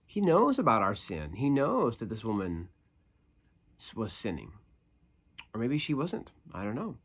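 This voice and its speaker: A man with a medium-pitched voice gives an informal youth devotional in an upbeat youth-pastor manner. He sounds conversational and slangy, repeating phrases for emphasis as he moves between scripture and his own plain explanation. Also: unhurried, husky. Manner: upbeat youth-pastor delivery, casual and animated.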